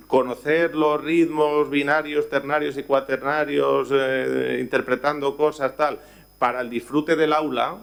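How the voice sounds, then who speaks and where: Male presenter from Spain, mid-range voice, explanatory lecture delivery with frequent check-ins. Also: medium pitch. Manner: explanatory, frequent "¿vale?" checks and self-corrections. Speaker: education ministry presenter. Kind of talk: live curriculum training talk.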